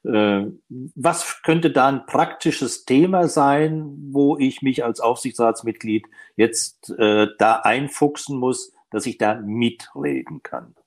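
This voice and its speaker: A man with a mid-range voice asks his questions as an interviewer in a measured, matter-of-fact way. He frames each question around a concrete example. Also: medium pitch, expressive. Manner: measured, lays out concrete scenarios.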